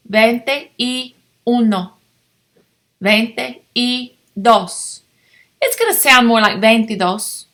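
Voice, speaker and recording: A woman's voice: fairly high pitch, a bit bright. A woman teaching a language lesson, coaxing listeners to repeat after her. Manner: coaxing, asks learners to repeat. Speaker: Spanish teacher. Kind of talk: slow, repetitive language lesson.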